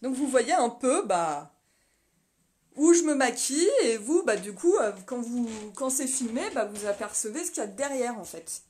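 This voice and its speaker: Woman vlogger, fairly high voice, casual and rambling, live from a home office on a phone. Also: expressive, moderate pace, darkish tone. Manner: chatty and rambling, many fillers and restarts; laughs often, reads viewer comments aloud. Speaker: vlogger hosting a live video. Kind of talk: casual live chat, touring her office. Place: small home office, indoors. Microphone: phone mounted on a stand.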